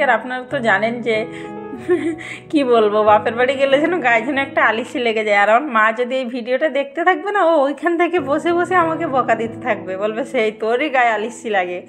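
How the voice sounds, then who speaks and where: A woman's voice: fairly high pitch, moderate pace. A talkative young woman chatting casually in her home kitchen while she cooks for her vlog. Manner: talkative, says she talks a lot and loudly. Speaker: home cooking vlogger. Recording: background music under the voice.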